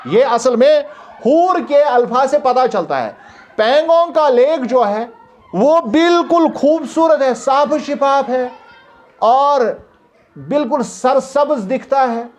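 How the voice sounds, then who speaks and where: A man teaching an English lesson. He reads English lines slowly, then explains them in Hindi and asks the class questions he answers himself. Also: very high-pitched, darkish tone. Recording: dull lo-fi recording.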